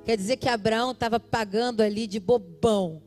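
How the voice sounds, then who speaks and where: A woman in her forties preaches at a church service, her voice high and lively. She tells personal stories with laughter and acts out the voices in them. Soft music plays faintly behind her. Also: a little fast. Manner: animated, laughing, acting out voices. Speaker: pastor. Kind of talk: sermon with personal storytelling.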